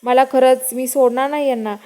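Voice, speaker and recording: A woman voicing an angry middle-aged mother who shouts accusing questions at her son, in retold serial dialogue. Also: high voice, steady tone, a little fast, lightly acted. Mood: scolding.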